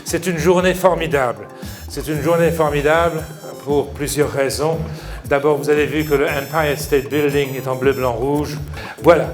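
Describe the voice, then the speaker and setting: A man's voice: on the high side, fairly even intonation, normal speed, faint music behind. A man hosting a festival, giving a welcome speech in an informal way, with fillers and asides. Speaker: festival host.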